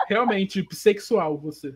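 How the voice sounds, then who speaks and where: Young male podcast co-host, Brazilian Portuguese accent, high-pitched voice, slangy and jokey. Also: husky. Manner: slangy, joking. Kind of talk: casual group banter.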